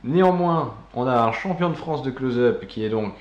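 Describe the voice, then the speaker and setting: A man's voice: medium pitch, expressive, normal speed, roomy sound, highs cut off. A man co-hosting a casual magic news show, talking loosely with many fillers and restarts. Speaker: co-host.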